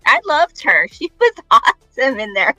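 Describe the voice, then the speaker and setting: A bubbly woman chats as a guest on a casual live stream. Her voice is bright and fairly high, and her pitch moves a lot. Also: very animated, moderate pace, no room sound, soft background music, rough recording.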